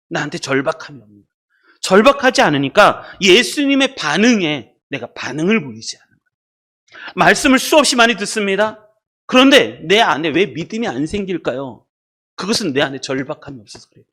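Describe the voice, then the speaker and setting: High-pitched, lively Korean pastor preaching. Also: male voice. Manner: passionate preaching, asks the congregation questions and leads call-and-response. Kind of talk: sermon. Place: church sanctuary.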